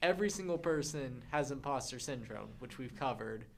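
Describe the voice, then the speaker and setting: A young man talks on a podcast in a casual, steady way, laying out his point. His voice sits at an ordinary middle pitch. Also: fairly quick, creaky, a little hiss or hum. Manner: steady, explains with sports analogies. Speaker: podcast co-host. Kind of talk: casual chat.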